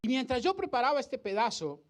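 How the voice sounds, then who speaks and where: A man's voice: very high-pitched, very animated, a little fast. Man, pastor, sermon, dramatic storytelling, rhetorical questions. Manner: dramatic, acts out the crowd and the blind man's cries, rhetorical questions. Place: church hall.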